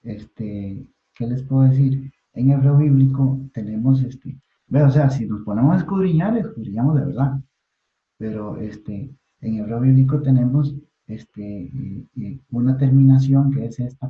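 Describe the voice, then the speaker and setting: A male teacher lectures haltingly, leaning on fillers and tag questions at a middle pitch. The sound is thin and phone-like, heard in an echoey room. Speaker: Bible Hebrew teacher. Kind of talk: recorded class lecture.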